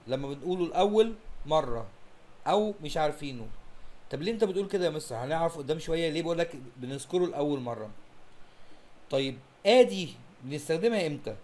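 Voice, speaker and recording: A man's voice: fairly high pitch, darkish tone. A man with an Egyptian Arabic accent giving an exam-prep English lesson, asking the students' questions himself and then answering them, and repeating key points. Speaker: English teacher.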